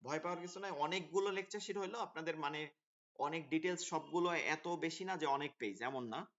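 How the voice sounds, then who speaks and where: A male teacher with a fairly high voice explains course details to students over an online video call. He talks in an unpolished, hesitant way, often pausing on fillers. The audio is dull and lo-fi. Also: a bit bright. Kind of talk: online class orientation talk.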